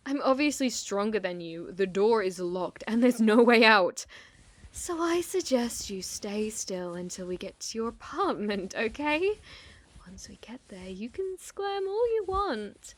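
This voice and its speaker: A British woman with a mid-range voice plays a young female stalker in an ASMR roleplay, obsessive and sweetly possessive. She coaxes, often slipping into whispers, and her mood is agitated.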